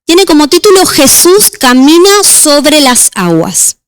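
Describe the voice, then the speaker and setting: A woman deaconess preaching a sermon and reading scripture aloud, slowing down on key words. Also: sits high, very animated, no echo. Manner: measured, slows on key words.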